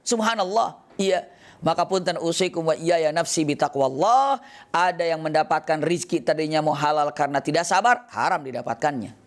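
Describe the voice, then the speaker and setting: A male preacher telling a story in a sermon, acting out the characters' lines with lively shifts. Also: fairly high pitch, moderate pace.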